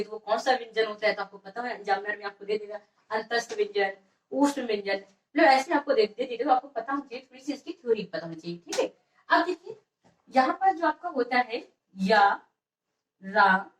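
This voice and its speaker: A woman's voice: a little high, roomy sound, recorded from a distance, low-quality recording. A woman teaching an exam-prep grammar lesson, repeating each question and answering it herself.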